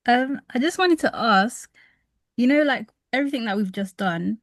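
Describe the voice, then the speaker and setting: A woman with a London accent, a student asking questions in an online trading class. She speaks tentatively and fills her pauses with "like". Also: fairly high pitch, expressive. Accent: London English. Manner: tentative, hesitant questions with fillers. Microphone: video call.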